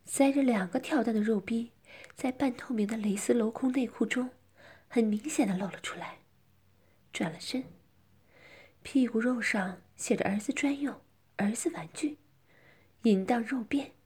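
Breathy whispering woman narrator. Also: on the high side, moderate pace, pauses often, a little mellow. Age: middle-aged. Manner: breathy, often whispered, coy. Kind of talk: whispered role-play.

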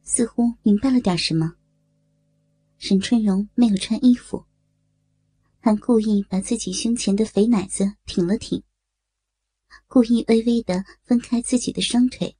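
A woman narrating a story at an unhurried pace. Her voice is mellow and slightly breathy, and it sounds dry and close. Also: fairly high pitch, dry recording.

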